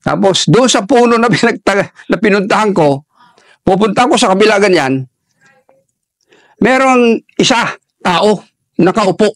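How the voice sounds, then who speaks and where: An older man, an army veteran, telling a war story in an interview in a halting way, with many restarts, and dropping his voice for quoted lines. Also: high voice, expressive, no echo, studio quality. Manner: halting, restarts often while recalling combat.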